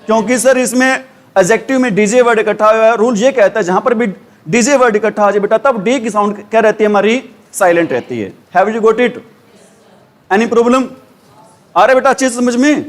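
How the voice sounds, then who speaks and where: A man's voice: high voice, normal speed. Hindi-accented male teacher drilling students. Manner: quizzing students with repeated questions, calls them beta. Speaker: English teacher. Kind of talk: classroom grammar lesson.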